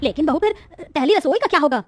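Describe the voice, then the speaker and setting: A woman's voice: sits high, expressive, fast talker, darkish tone, no echo, soft background music, voice pushed up. Monalika, a woman doing a fussy mother-in-law. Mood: coaxing. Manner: coaxing, fussy. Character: wealthy mother-in-law, fussy but patient. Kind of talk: Hindi cartoon voice acting.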